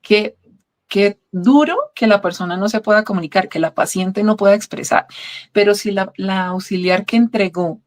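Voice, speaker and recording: A woman's voice: mid-range voice, normal speed. Middle-aged woman, reflective and earnest interview testimony. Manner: earnest, reflective, often asks "¿sí?". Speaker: guest sharing a testimony.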